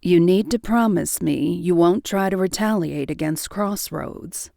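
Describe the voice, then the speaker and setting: A woman's voice: fairly low pitch, unhurried, gravelly, dark tone, no room sound, clean studio sound. A woman voicing a fierce, protective young woman shifter who speaks firmly and pleadingly to her mate. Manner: firm, pleading.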